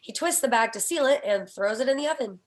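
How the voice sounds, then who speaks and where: Reading the stage directions at a screenplay table read, a woman delivers scene headings and action lines as scripted narration, speaking fast in a fairly high voice with lively intonation.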